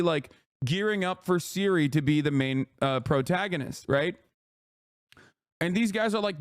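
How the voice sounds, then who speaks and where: High-voiced, emphatic streamer man. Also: dry recording, clean studio sound. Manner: emphatic, profane, laughs often. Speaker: streamer and political commentator. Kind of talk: casual reaction commentary.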